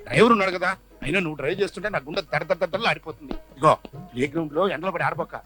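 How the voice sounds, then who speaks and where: Fussy rich dad, over the top, bright high voice, film-comedy style. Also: male voice, rapid-fire, faint music behind, rough recording. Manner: fussy, doting, theatrical. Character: fussy doting rich middle-aged father, theatrical. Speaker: fussy rich father who dotes on his daughter. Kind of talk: Telugu film comedy acting.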